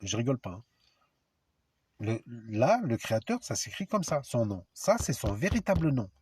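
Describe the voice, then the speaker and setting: A video lecturer gives viewers an informal explanatory lesson, speaking straight to them in an emphatic, provocative way and spelling out letters and sounds one by one. His mid-range voice is very animated and a little mellow, at a moderate pace, with slight background noise.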